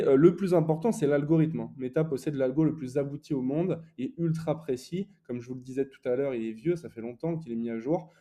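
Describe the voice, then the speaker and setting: A man's voice: mid-range voice, mellow. A young man teaching online advertising in a casual, explanatory way, with frequent fillers and self-corrections. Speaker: e-commerce ads coach.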